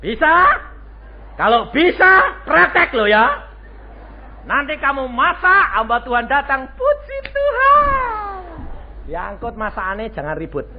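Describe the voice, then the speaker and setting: Animated male pastor preaching. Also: extremely high pitch, unhurried. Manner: animated storytelling, acting out dialogue voices. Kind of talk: sermon. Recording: dull lo-fi radio stream with faint noise.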